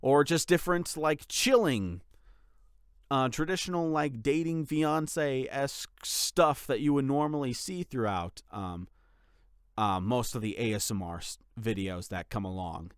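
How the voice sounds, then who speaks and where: This series update comes from a channel creator and voice actor chatting unscripted with followers, meandering and restarting his sentences a lot. His smooth, medium-pitched voice moves at a measured pace, studio quality with no room sound.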